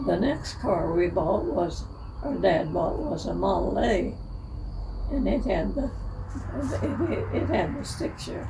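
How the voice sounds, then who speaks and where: A very old woman, over a hundred, reminiscing in an aged voice, speaking haltingly in short broken phrases. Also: mid-range voice, lively intonation, creaky. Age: 105, very old. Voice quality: aged, elderly voice. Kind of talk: unscripted reminiscing about the old days. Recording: distant mic, noisy, birdsong behind.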